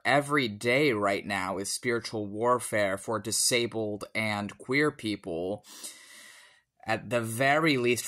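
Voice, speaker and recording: A tipsy man giving a solemn personal monologue in deliberate, formal phrasing. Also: lowish voice, bright, forceful tone. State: tipsy from alcohol.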